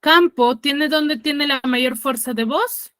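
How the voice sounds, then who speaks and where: Over a video call, a woman teacher explains material for an online class, often checking understanding with quick tag questions and correcting herself mid-sentence. Her voice is high-pitched and a bit bright, recorded at studio quality with no echo.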